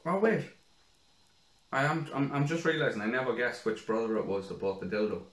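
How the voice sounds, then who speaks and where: A man co-hosting a casual podcast, telling animated stories with plenty of swearing and laughter. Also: mid-range voice, fairly quick. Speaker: podcast co-host. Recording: echoey room.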